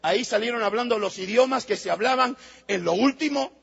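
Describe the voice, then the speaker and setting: A male pastor preaches a fervent sermon with a strikingly high, gravelly voice and a breathy, husky edge. He keeps calling on the congregation to repeat phrases after him. The sound is dull and lo-fi, with a long reverb that hangs in the church hall. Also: brisk, a bit bright.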